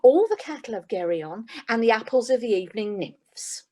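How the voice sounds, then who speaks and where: In a comic radio play, a woman plays an employment agent who is businesslike, dry and slightly weary, faintly exasperated in manner. Her voice is a little high, expressive and mellow, at a moderate pace.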